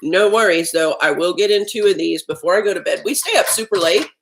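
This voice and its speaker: A woman's voice: lowish voice, animated, fairly quick, vocal fry, a little hiss or hum, poor audio. A woman hosting a casual live-stream chat about healthy eating, talking while she eats lunch at home. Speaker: health vlog host.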